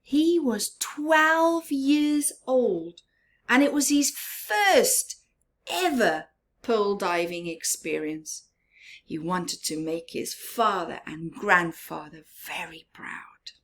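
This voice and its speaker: Reading a picture book to kids, this medium-pitched storyteller keeps her intonation lively. She draws out words, adds dramatic stress, and drops her voice for quiet, conversational asides.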